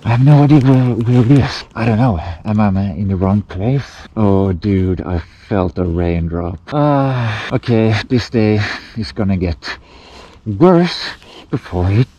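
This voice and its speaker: A man vlogging casually outdoors to a handheld camera, his voice muffled by a gas mask, halting, deadpan and sweary. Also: on the low side, husky. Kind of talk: casual outdoor adventure vlog talk to camera. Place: outdoors in a forest. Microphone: action camera at arm's length.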